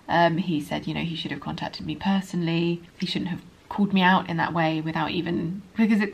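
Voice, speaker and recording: A woman speaking in a modern received pronunciation accent with a touch of Estuary, her voice low and slightly husky. She talks quickly and earnestly to camera, explaining herself in a candid, apologetic vlog. She sounds like an English pronunciation teacher talking straight to her viewers. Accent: modern received pronunciation with a hint of Estuary.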